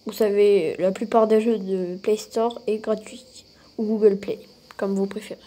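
A woman casually talking through a mobile game she is playing, often breaking into excited exclamations. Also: medium pitch, a little slow. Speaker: mobile game channel host. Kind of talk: casual gameplay commentary.

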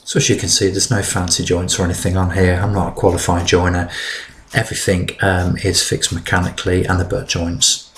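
A middle-aged man talks through his workshop project in a relaxed, practical voice-over. His voice sits very low, and he pauses with the odd "um". Faint clicking comes through under his voice. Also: slight background noise. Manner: relaxed, practical, explaining with fillers. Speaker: DIY vlogger. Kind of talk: voice-over narration of a build.

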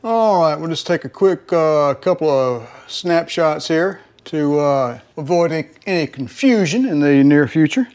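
A middle-aged man with a Southern drawl talks his way through a repair job in his home garage. His voice sits a touch higher than most men's. He rambles in a folksy way and keeps calling his viewers folks. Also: expressive, a little slow, few pauses, a little mellow. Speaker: home mechanic host. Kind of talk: casual how-to narration while working. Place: home garage, working under a car.

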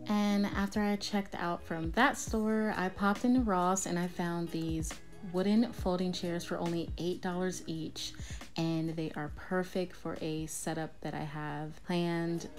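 A woman's voice: lowish voice, unhurried, soft background music. A young woman casually narrating her shopping trip and event-decor vlog as a picnic planner, chatty and upbeat. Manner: chatty and upbeat, relaxed commentary with fillers.

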